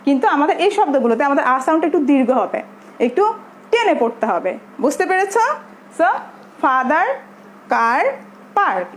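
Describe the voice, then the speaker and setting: A Bangladeshi woman teaching English to young pupils in an online class, speaking in a drawn-out way and switching between English and Bengali. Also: sits high, slight background noise. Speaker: primary school English teacher.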